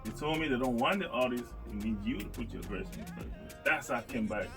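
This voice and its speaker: A man from Cameroon, a rapper, chatting as a radio guest in a relaxed, rambling storytelling way. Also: mid-range voice, fast, far from the mic, over music. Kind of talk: casual interview chat.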